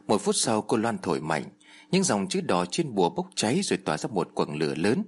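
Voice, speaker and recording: Male storyteller, husky, very lively pitch, dramatic horror narration. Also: brisk. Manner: acts out the characters' shouts and pleas with raised pitch.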